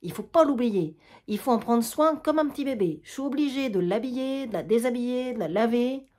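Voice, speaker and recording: A woman's voice: a little high, expressive, fairly quick, darkish tone. A woman reading a play aloud, voicing a harried middle-aged housewife who cares for her mother-in-law, with a Quebec French accent and a complaining manner.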